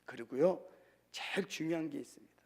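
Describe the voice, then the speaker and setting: A male pastor delivers a sermon, chatting with his congregation and asking them questions. His voice sits high and has a gravelly edge. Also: fairly quick. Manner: conversational preaching with rhetorical questions to the congregation.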